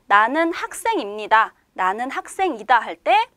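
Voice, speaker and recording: Lively high-voiced woman teaching a language. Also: normal speed, no echo. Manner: patient, explains step by step with many rhetorical questions. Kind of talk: online language lecture.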